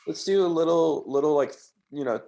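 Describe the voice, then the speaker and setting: A man's voice: on the high side, a little fast, vocal fry, dark tone. A man from the East Coast of the United States organizing a casual video-call meeting in an easygoing way.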